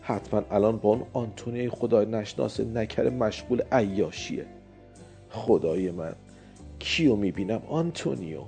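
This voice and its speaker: A man voicing an anxious young noblewoman who softly calls for her maid, in a dramatized audiobook reading. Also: fairly low pitch, gravelly, faint music behind. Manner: soft, fretful, hushed.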